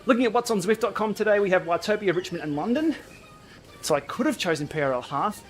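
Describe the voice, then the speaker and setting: A man's voice: high voice, lively intonation, fast talker. A man hosting a casual livestream, bantering and thinking aloud as he chats during an indoor cycling game. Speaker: livestream host.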